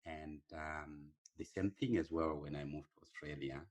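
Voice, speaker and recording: A middle-aged man with a Zimbabwean accent, a podcast guest speaking slowly and hesitantly with many pauses. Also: a bass voice, steady tone. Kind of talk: casual podcast interview.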